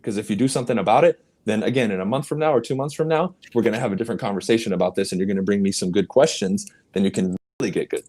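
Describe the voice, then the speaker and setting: Racing along with hardly any pauses, a man who grew up speaking Spanish coaches on real estate in English during a motivational podcast interview. He sounds a little mellow, emphatic and punchy, with sweeping pitch jumps.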